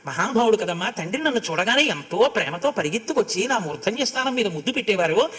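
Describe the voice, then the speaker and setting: A man's voice: high-pitched, big pitch swings, fast, fairly bright tone. A man voicing a grieving young prince. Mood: pleading. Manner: pleading, anxious questioning. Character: grieving young prince, son asking for his father.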